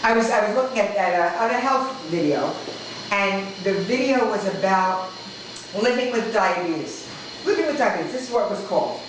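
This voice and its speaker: A woman's voice: mid-range voice, animated, normal speed. Woman instructor, emphatic rhetorical lecturer; distant room recording with faint background hiss. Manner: emphatic, full of rhetorical questions. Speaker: diet class instructor. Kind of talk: lecture to a live group. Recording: echoey room from far off, faint noise.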